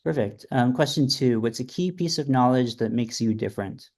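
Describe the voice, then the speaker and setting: A man hosting an interview podcast, welcoming his guest and asking numbered questions in an upbeat, brisk way. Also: medium pitch, a little mellow. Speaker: podcast host.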